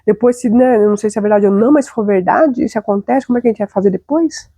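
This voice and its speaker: A woman's voice: mid-range voice, fast, dark tone, dry recording, lightly acted. A woman voicing a cautious, worried middle-aged mother who raises objections, with a Brazilian Portuguese accent. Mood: objecting.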